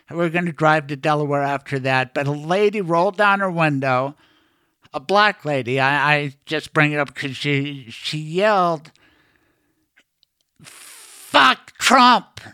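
A man's voice: a little high, bright, forceful tone, clean tone, no room sound, clean studio sound. A middle-aged man hosting a podcast, chatting casually with a guest, telling anecdotes and giving strong opinions. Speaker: podcast host. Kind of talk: casual interview chat.

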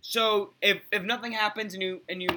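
Young guy hosting a podcast, high voice, lots of restarts, teases his cohosts. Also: steady tone, brisk, bright, forceful tone. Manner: rambling, restarts, blunt teasing. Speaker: podcast host. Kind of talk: casual chat.

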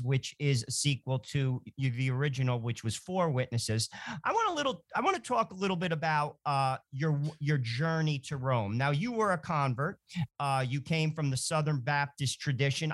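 A man with a New Jersey accent co-hosts a show. His voice sits a little high for a man. The recording is dry and close. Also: fairly bright tone, dry recording. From New Jersey, USA. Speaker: co-host. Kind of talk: casual chat.

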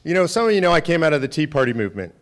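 The president of an organization addresses volunteers and lawmakers before a live audience in a meeting room, giving a speech that includes audience questions. His voice is loud, fairly high, sing-song, and rapid-fire. He speaks conversationally and emphatically, often tagging points with a rhetorical "right?"

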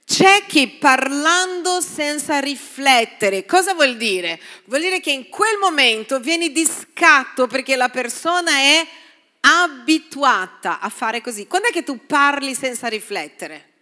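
A woman pastor delivering a sermon, calling "Amen?" to the congregation and moving from soft asides to loud, emphatic lines. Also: high voice, lively intonation, unhurried. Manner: preaching with call-and-response "Amen?" to the congregation. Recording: long reverb of a large hall.

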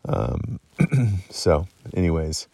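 Tired guy rambling slow at his tent at night, low gravelly voice. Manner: relaxed, rambling, many ums and restarts. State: tired, yawning. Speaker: hunter vlogger. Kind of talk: casual night camp vlog recap. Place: outdoors at a mountain camp by a tent at night.

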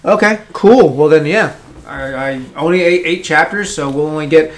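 A man's voice: a little high, moderate pace. A young man co-hosting a podcast in casual chat, easygoing and agreeable with short replies. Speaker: podcast co-host. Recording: echoey room.

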